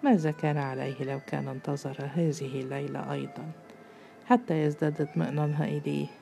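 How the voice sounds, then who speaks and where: A woman storyteller reads a literary story in a slow, measured, intimate way. Her voice is low and dark with a gravelly grain. Faint music runs underneath. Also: little pitch movement.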